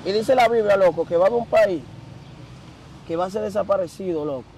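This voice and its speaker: A young man, telling his story as an interview guest in slangy, animated casual talk. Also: sits high, a little fast, slight background noise. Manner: animated, slangy, repeats filler words.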